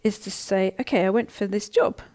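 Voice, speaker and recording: A woman's mid-range, steady voice moves at a brisk pace. Leading a live online coaching session, she reads and responds to viewer comments in a chatty, warm-hearted manner, with plenty of ums and restarts in her casual speech.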